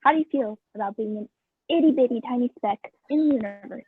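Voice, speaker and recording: An actress playing an odd little sister who blurts out strange questions. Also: female voice, fairly high pitch, quick pace, slightly rough, phone-quality sound. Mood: curious.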